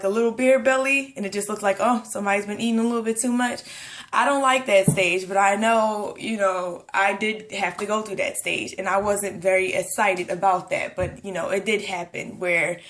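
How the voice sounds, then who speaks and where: A young woman vlogger with a mid-range, slightly bright voice chats casually into a close-range camera about her pregnancy. She rambles, uses lots of fillers, and sounds a little out of breath.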